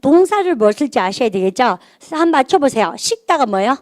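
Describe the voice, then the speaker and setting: A middle-aged woman teaches a grammar lesson in a higher voice, prompting her class to repeat after her again and again. The sound is close and completely dry, with no room in it. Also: very animated, a little fast, no room sound. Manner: drills students with call-and-response prompts. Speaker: English teacher. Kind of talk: recorded grammar lecture.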